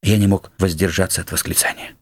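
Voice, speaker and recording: A man narrating a classic story as an audiobook, in a measured, unhurried literary reading. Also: sits low, steady tone, husky, dry recording.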